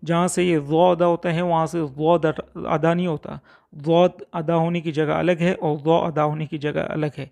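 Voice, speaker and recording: Male religious teacher, slightly high gravelly voice, patient explanatory recitation lesson that repeats letters slowly. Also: little pitch movement, darkish tone. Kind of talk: Urdu Quran recitation lesson.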